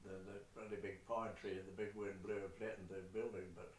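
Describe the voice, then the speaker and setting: A man's voice: on the low side, level tone, fast talker. An older man with a New Zealand accent telling rambling family stories in a salty, casual way, sprinkling in mild swearing. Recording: echoey room, far from the mic, faint noise.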